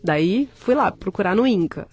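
A woman with a mid-range, slightly rough voice speaks at a normal speed as an interview guest, telling her story in a candid, animated, joking way and acting out the voices of people she quotes. The recording is muffled and dry, with no room sound and faint music behind her.

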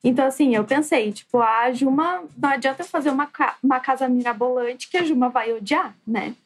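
Soft-spoken woman, high voice. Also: brisk. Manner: soft, near-whispering voice. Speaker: guest, architect. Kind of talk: casual chat.

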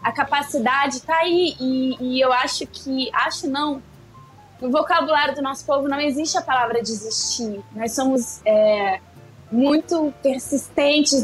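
A woman's voice: sits high, low-quality recording. A woman talking earnestly and tearfully about a show she acted in, in a casual panel discussion.

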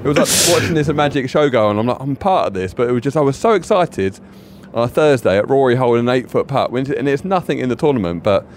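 A man co-hosting a podcast, telling an excited, rambling anecdote with many restarts. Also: medium pitch, fast talker, few pauses, slight background noise. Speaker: podcast co-host. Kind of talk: casual chat.

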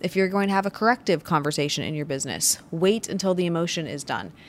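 This woman's voice sits on the low side, animated and fast, with slight background noise. A business owner running her own show, she gives a motivational business talk in punchy, emphatic bursts of stressed short phrases.

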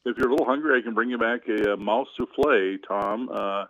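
A man's voice: medium pitch, fairly quick, a bit bright, dry recording. A man joining a radio show over a phone line from a cabin in the woods, talking casually as a financial advisor and rambling with many hesitations. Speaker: financial advisor, regular guest. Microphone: phone or internet call.

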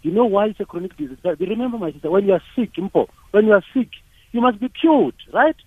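A man's voice: high-pitched, lively intonation, fast, dry recording. A South African man, a native Sepedi speaker, calling a radio show by phone and arguing insistently, repeating phrases for emphasis. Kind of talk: opinionated phone-in argument. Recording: rough, narrow phone line.

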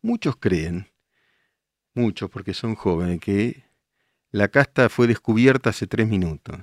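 On his radio program, an older man speaking with an Argentine accent reads messages from listeners and fires back emphatic rhetorical questions. He speaks in an unhurried, lowish voice, and the studio-quality audio carries no room sound.

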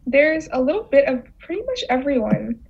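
A woman's voice: high voice, very animated, normal speed, gravelly, dull audio. A fourteen-year-old girl, born in Bangladesh and raised in New York City, talking earnestly about her own school life. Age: teens. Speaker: student guest. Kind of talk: personal testimony.

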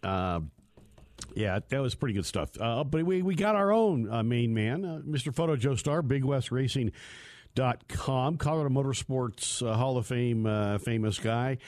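A man's voice: medium pitch, lively intonation, moderate pace, a little mellow, no echo. Chatty, rambling male radio host. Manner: chatty, storytelling, self-mocking. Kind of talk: rambling casual radio talk. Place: radio studio.

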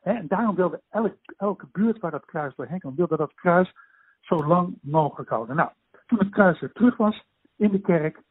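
A man on a poor-quality remote connection explains events at length in an interview, halting often with fillers and restarts. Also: expressive, slightly rough, no echo. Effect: low-quality remote connection with poor sound. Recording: tinny, dry phone-like line.

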